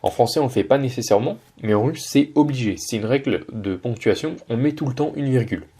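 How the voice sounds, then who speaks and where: Here a man with a mid-range, mellow, husky voice talks fast. His video lesson teaches Russian in French, patiently dissected line by line, with frequent pauses and self-corrections along the way.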